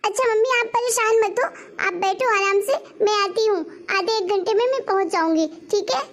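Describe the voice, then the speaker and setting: A woman voicing a caring, protective adult daughter in an animated family story, firm and reassuring. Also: extremely high pitch, a little fast. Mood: concerned. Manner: reassuring, then scolding.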